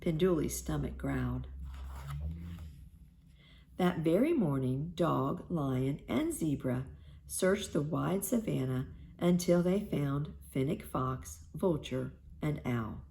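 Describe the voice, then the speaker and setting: Low, slow, gravelly woman reading a storybook. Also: lively intonation, mellow. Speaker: storybook reader.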